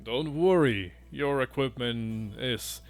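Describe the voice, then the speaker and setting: A man's voice: medium pitch, slow pace. Man playing a sly mustache-twirling villain tinkerer. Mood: sly, boastful.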